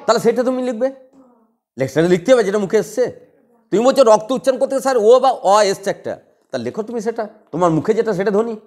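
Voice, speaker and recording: High, lively voice of a drilling male teacher. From West Bengal. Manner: drilling students with quick repeated questions. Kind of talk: classroom lecture.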